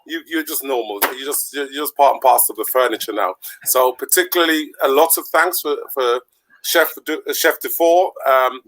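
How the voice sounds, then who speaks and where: A man's voice: medium pitch, moderate pace, a bit bright, poor audio. A man from the Caribbean hosting an online show in a chatty, rambling way, laughing often, speaking over a video call. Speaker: podcast host. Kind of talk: casual online show chat.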